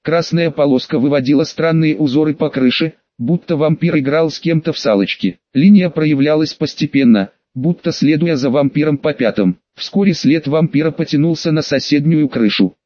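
A man's voice: on the high side, normal speed, hardly any pauses, a little mellow, no room sound, muffled recording. Male audiobook narrator, wry and dry. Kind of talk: first-person fantasy audiobook narration.

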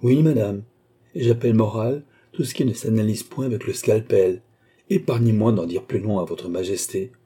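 A man's voice: on the low side, moderate pace, dark tone, husky. A man voicing a blunt, unyielding court doctor in an audiobook reading, speaking sternly and frankly.

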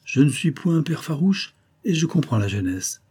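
A man reading an audiobook, voicing a smooth-talking older viscount with falsely affectionate manners. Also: on the high side, big pitch swings, normal speed, mellow, pitched above the performer's own voice, full character voice. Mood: honeyed.

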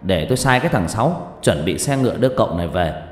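A man's voice: lowish voice, very animated, quick pace. A man voicing a stingy, secretive old rich man who talks bluntly and stammers when shaken. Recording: echoey hall with faint music.

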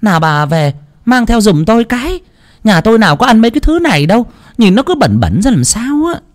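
A shrill, spiteful older mother-in-law, put on by the storyteller screeches her scolding insults in a very high voice. Her pitch leaps and swoops wildly from line to line. It is a dramatic told story. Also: very animated, fairly quick, close to an everyday voice. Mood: scornful.

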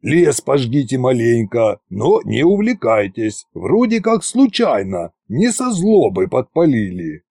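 A man voicing a bossy, scheming old male tsar in an audiobook, slow and commanding in a folksy way. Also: medium pitch, big pitch swings, gravelly, warm tone, slightly rough, no echo, studio quality, pitched above the performer's own voice, exaggerated voice. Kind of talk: audiobook character reading.

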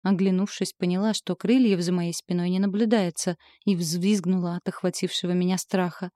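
A woman narrates a novel in the first person with steady, even storytelling. Her voice is lowish and mellow. The recording is dry and close. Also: a little fast, dry recording. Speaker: audiobook narrator.

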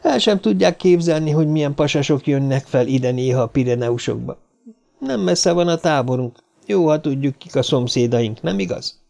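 A man's voice: fairly high pitch, gravelly, a little mellow, voice pushed up. A male narrator voicing a small, cheeky man from a circus who stammers when frightened. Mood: cheeky chatter.

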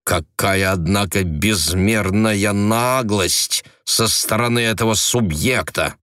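A man's voice: on the low side, fairly bright tone, dry recording, studio quality. A man doing a stern, haughty old lady. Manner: slow, haughty, measured.

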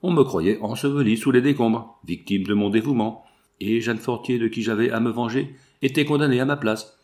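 A man's voice: mid-range voice, normal speed, a little mellow, close to an everyday voice. A man voicing a drugged, crazed male murderer who boasts feverishly of his crimes. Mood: wild boast. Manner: feverish, boastful, laughing strangely.

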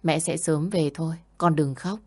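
Woman reading a curt rich dad, bossy short lines, low voice. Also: normal speed. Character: curt wealthy man, a father.

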